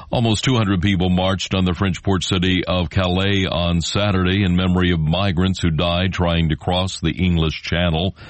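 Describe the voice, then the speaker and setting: A low-pitched American man anchors a radio newscast. He reads from a script, and the sound is very dry, with no room on it. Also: no echo. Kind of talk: scripted news reading.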